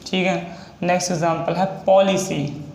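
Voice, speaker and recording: A man with a Hindi accent, a shorthand teacher, explaining a lesson and slowly spelling out example words one by one. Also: sits high, fairly even intonation, a little mellow. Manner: slow, repetitive, drawn-out spelling of example words. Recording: echoey room with faint noise.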